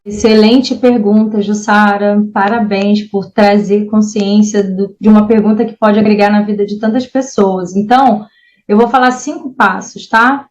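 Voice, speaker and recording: A woman psychologist answering interview questions in a measured, advising way, often checking that the listener follows. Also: medium pitch, steady tone, a little mellow, highs cut off. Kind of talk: explanatory interview talk.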